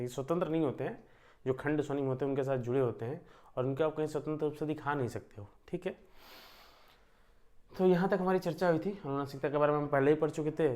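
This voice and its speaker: A young man teaching an online class, explaining step by step with filler pauses and frequent check-ins. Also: medium pitch, darkish tone. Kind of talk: online lecture.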